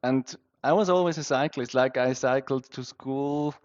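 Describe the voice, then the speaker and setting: A man's voice: medium pitch, normal speed, muffled recording. A man from Switzerland with Swiss German as his first language, a podcast guest who talks with enthusiasm, laughs often and restarts his words. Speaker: guest, company founder. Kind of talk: casual interview.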